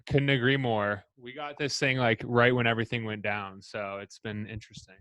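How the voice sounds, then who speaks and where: Easygoing male guest, short casual replies, average pitch, dry close-miked sound. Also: steady tone, normal speed, sharp tone, dry recording. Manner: laid-back, short easygoing answers. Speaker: podcast guest. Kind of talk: casual podcast chat.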